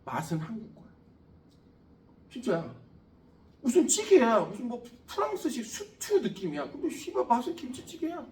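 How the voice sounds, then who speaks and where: A man's voice: very high voice, huge pitch swings, normal speed, long pauses, a little mellow. A man lecturing a science class, blunt and profane, joking and firing questions at his students. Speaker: science lecturer at a cram school. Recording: echoey room, mic at a distance.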